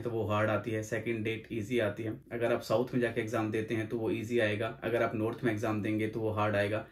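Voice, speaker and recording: A young man who hosts his own channel, explaining exam tips in a casual, repetitive way and mixing in English phrases. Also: lowish voice. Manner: rapid, repetitive, mixes English phrases into Hindi. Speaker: OET exam coach and channel host. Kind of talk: casual explanatory video talk.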